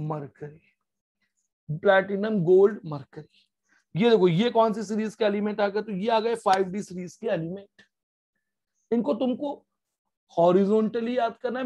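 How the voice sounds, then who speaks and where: A man's voice: sits high, a little mellow, muffled recording. Male teacher chanting mnemonic jingles. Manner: chants and sings memory jingles, drawing out words slowly; quick explanations between slow chanting. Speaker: chemistry teacher. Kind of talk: classroom lesson with sung mnemonic jingles.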